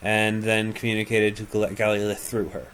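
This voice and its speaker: A man's voice: fairly low pitch, level tone, normal speed, a bit bright, clear, resonant tone. A man acting as game master of a tabletop game over a call, explaining lore with many fillers.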